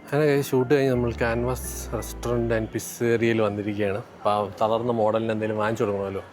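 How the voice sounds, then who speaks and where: A man's voice: fairly low pitch, level tone, quick pace, darkish tone, faint music behind. A man with a Kerala accent chatting casually as a vlogger, mixing Malayalam and English and addressing his viewers as guys. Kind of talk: casual vlog chat.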